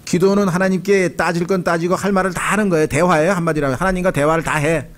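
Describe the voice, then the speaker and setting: A man's voice: high voice, steady tone, quick pace. A middle-aged Korean man preaching a sermon as pastor, talking to the congregation in a conversational way and acting out prayers and quoted voices.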